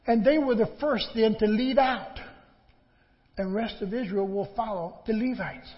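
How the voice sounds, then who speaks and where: A man's voice: high voice, measured pace. A man preaching a sermon in a lecturing, admonishing manner, repeating phrases and asking rhetorical questions. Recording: muffled, in a large reverberant hall.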